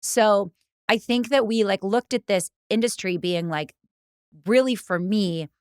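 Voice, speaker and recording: A woman's voice: medium pitch, measured pace, smooth, no echo. A woman co-founder of a fitness studio, talking in a casual, reflective way with many fillers. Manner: reflective, speaks in long flowing thoughts with many "like" fillers. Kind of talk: casual conversation.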